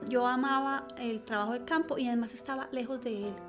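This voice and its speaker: Middle-aged woman, interviewee, quiet near-whispered testimony, a bit high, soft music bed. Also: steady tone. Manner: slow, hushed, often dropping to a near whisper. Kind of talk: personal testimony.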